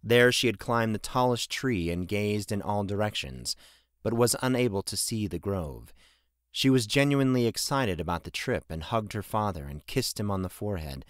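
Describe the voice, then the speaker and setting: A man narrating a fantasy audiobook in a measured, even way. His voice sits low. The recording is close and dry. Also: dry recording. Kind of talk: scripted narration.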